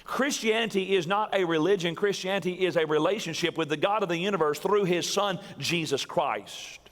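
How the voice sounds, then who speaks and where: High-voiced animated male preacher. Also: fairly quick. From US South. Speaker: pastor. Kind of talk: sermon. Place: church sanctuary. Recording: long church reverb.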